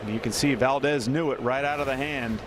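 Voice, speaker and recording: A man's voice: medium pitch, a little fast, background noise. An American man working as a baseball color analyst, explaining plays in conversational live commentary.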